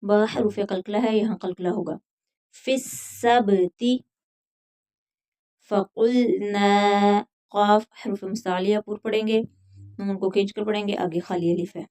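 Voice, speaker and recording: A woman teaching tajweed, reciting verses in a drawn-out chant and then explaining each letter rule in quick spoken lines. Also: medium pitch, fairly even intonation, warm tone. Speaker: Quran teacher.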